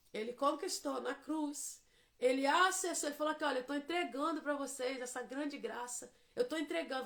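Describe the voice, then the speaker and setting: High bright Brazilian woman preaching. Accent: Brazilian Portuguese. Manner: builds to fervent shouting, sing-song prayer. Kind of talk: live devotional sermon.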